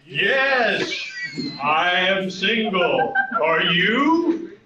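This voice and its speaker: Slow, sleazy, oily villain purr. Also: male voice, sits high, very animated, distant mic, heavily acted. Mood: smarmy, gloating. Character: sleazy, smarmy villainous male intercom voice, scheming and grandiose. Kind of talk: tabletop role-play in character. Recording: echoey, muffled room, crowd chatter.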